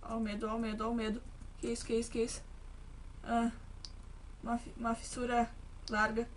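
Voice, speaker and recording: A woman's voice: a little high, completely flat delivery, a little fast, a little hiss or hum. A woman giving nervous let's-play commentary on a horror game, shrieking when startled. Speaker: gaming video host. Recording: game music behind the voice.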